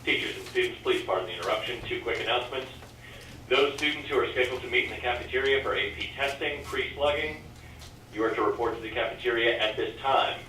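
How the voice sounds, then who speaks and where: A man's voice: mid-range voice, fast, far from the mic, noisy background. A man reading school announcements over the intercom in a businesslike, formal way, repeating the key instructions. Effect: school intercom loudspeaker. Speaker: school staff member making announcements. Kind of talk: formal public-address announcement. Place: classroom, voice coming over the intercom. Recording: echoey loudspeaker heard from across a classroom.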